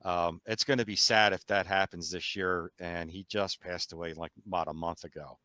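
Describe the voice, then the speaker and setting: A male host with a low, forceful voice, recorded dry and close. He states firm opinions in a casual tone and passes the floor to his panel. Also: steady tone, moderate pace, no echo. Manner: opinionated, then hands the floor to others.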